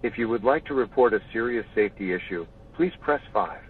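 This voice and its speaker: A man's voice on a recorded phone menu message, reading automated prompts in an even, measured way. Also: on the low side, distant mic, a little hiss or hum. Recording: tinny phone line from a speaker.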